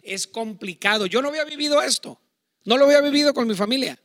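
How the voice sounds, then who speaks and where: A middle-aged Mexican man preaching in a high, bright voice. He talks loud and chatty, wandering into asides, and the sound is dry and close. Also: expressive, fast, no echo. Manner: loud, self-admittedly talks shouting. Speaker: pastor. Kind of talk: sermon on marriage to online viewers.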